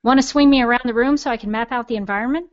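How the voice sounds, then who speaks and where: A woman's voice: on the high side, racing, muffled recording, natural voice. A woman voicing a snarky female smartphone assistant with a nasal voice and plenty of attitude, in an audio drama. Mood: chirpy.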